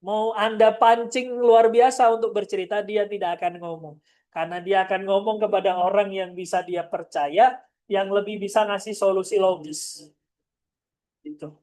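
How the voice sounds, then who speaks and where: A woman giving a parenting seminar in a direct, firm manner, often turning to address the parents in the audience. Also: mid-range voice. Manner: acts out short parent-child exchanges. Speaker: parenting trainer. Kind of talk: seminar lecture.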